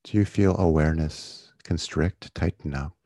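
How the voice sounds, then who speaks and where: Man, meditation guide, low mellow voice, soothing yoga-teacher delivery, gentle, close dry sound. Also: normal speed, no room sound. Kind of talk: guided body-scan meditation.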